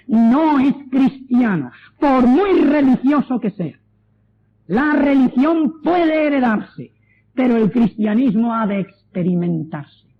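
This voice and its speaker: A man from Spain with a Spanish accent, preaching his testimony to a congregation in an earnest, exhorting way and slowing down for emphasis. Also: sits high, husky, narrow, tinny audio.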